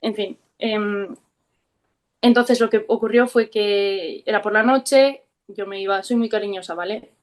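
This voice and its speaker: A woman with a Spain Spanish accent, a guest telling her own story in an interview in a frank, reflective way with soft hesitations. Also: mid-range voice, unhurried. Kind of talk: candid personal storytelling.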